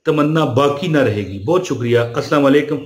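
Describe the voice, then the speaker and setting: A man's voice: medium pitch, reverberant. A man gives a casual spiritual talk, chatty and addressing his listeners directly with polite fillers. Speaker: religious speaker.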